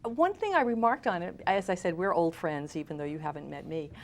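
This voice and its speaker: A woman's voice: fairly low pitch, animated, fairly quick. A woman in her later years hosting a live election night interview, chatty and teasing. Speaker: host.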